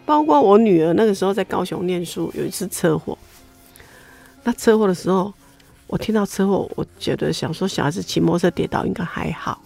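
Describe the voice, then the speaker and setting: Briskly and with a creaky, fairly low voice, a middle-aged woman with a Taiwanese Mandarin accent shares her faith testimony as an interview guest. She tells it animatedly with lots of exclamations, faint music behind.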